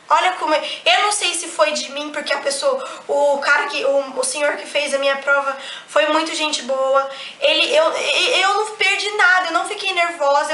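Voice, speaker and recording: A woman's voice: sits high, slight background noise. A young woman with a Brazilian accent, chatting animatedly as a vlogger, telling a personal story with many restarts. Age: young adult. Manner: animated, quick restarts, acts out quoted lines. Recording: echoey room.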